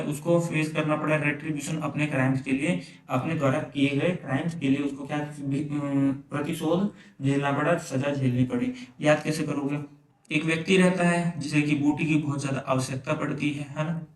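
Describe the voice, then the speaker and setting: A man teaching English vocabulary for exam prep, explaining words through little stories and often checking in with "है ना?". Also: fairly high pitch. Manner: storytelling mnemonics, frequent "है ना?" checks. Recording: echoey room, from a distance.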